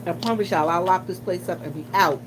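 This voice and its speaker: This vlogger from Washington, D.C., who also works at a gas station, tells chatty stories to her viewers in a low voice and at a slightly quick clip. She's animated and colloquial, acting out what other people said, while a loud hum fills the noisy room.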